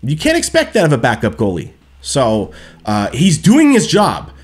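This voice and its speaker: A man's voice: fairly high pitch, moderate pace. A man in his thirties on a headset at home, ranting emphatically about a hockey game after it ends and checking in with his viewers with "okay?" and "right?". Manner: animated, emphatic, keeps asking "okay?" and "right?". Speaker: hockey fan streamer. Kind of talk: post-game hockey rant. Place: small room at home, seated in gaming chair.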